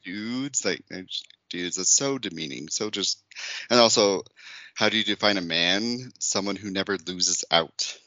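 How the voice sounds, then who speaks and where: Deep-voiced man, bright forceful podcast chat. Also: unhurried, no room sound. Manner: laughs often and swears freely; reads article passages aloud sarcastically. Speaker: podcast co-host. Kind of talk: casual chat.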